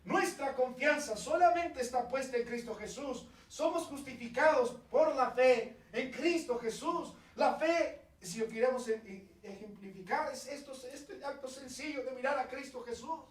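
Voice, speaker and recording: A pastor from Peru preaching a fervent expository sermon, swinging from loud calls to quiet asides. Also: male voice, very high voice, normal speed, few pauses. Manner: impassioned preaching, rising to fervent calls, dropping to soft asides. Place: church sanctuary. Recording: echoey church from a distance.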